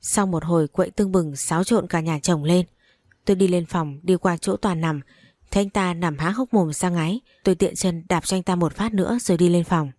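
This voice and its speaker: Low-voiced woman telling a story. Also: brisk, a little mellow, no echo, studio quality. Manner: dramatic first-person telling. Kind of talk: scripted story narration.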